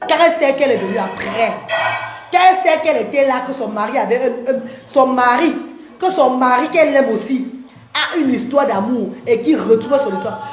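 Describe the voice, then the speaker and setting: Her voice sits high and runs a little fast as she hosts a casual livestream, reading comments and chatting animatedly. Laughing frequently, she addresses viewers as maman and papa, in an echoey room.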